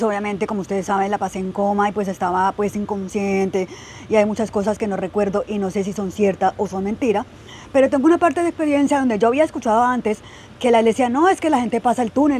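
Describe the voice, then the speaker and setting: A woman's voice: on the high side, darkish tone, a little hiss or hum. Earnest Spanish-speaking woman, raised voice. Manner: earnest, with frequent "eh" and "pues" fillers. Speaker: guest sharing her testimony. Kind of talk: podcast interview, personal testimony.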